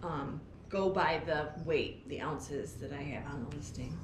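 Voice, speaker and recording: A middle-aged woman speaks in a low voice at a measured pace, enthusiastically demonstrating as she works at a fleece-skirting table inside a barn. She raises sheep and sells fleece, and the tripod camera a few feet away records an echoey space with faint ambience and a little hiss or hum.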